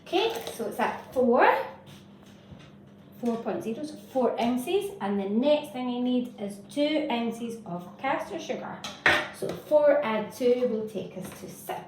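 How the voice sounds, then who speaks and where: A woman's voice: fairly high pitch, lively intonation, a little slow, darkish tone. A woman hosting a baking demonstration for children, giving simple, encouraging step-by-step instructions. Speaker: host of a children's baking show. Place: indoor home kitchen. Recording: echoey noisy kitchen, distant mic, utensil clatter.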